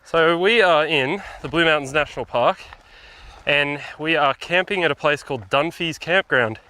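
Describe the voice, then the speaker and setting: A man's voice: fairly high pitch, moderate pace, pushed and bright, clean tone. A man chatting as a podcast guest on a bush hike, laid-back and self-deprecating, a little out of breath. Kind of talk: casual chat while hiking. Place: outdoors on a bush hiking trail.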